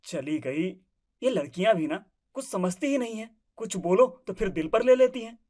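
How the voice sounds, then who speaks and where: A woman's voice: mid-range voice, expressive, moderate pace, warm tone, lightly acted. A woman voicing a shy young husband who grumbles and tries to placate his wife. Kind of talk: family drama acting.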